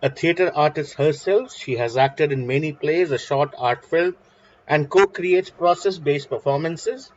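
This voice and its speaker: A man's voice: a little high, unhurried, lo-fi sound. A man moderating an online event, formally reading introductions of the next speakers.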